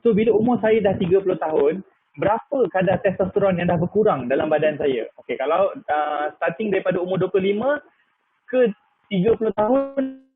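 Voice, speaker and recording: A man's voice: sits high, fairly quick, music in the background. A man in his thirties with a Malaysian Malay accent, giving a chatty live product talk full of "ah" fillers and English words. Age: 30s. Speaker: product presenter. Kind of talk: live online sales talk. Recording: tinny phone-like line with faint noise.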